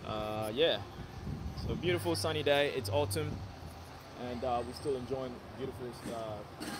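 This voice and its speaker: A young man from Ghana chats with viewers during an outdoor live stream on a sunny city street, speaking at a measured pace in a medium-pitched voice. He reads their comments aloud in a relaxed, repetitive way, often slipping in "okay" and "yeah." The phone recording, held at arm's length, carries street and traffic noise.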